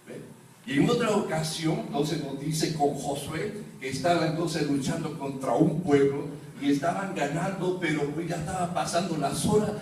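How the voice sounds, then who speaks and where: Echoey pastor preaching from afar. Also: male voice, a little high, darkish tone. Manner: teaching with questions to the congregation. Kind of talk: sermon. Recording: roomy echo, mic far off, faint room noise.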